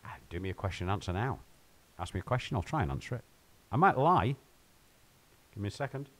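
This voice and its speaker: A man with a fairly low voice hosts a casual live game stream from home. He rambles and jokes with his viewers as he plays, drifting between chat and the game. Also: big pitch swings, fast talker, fairly bright tone. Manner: rambling, joking, talks to viewers while playing.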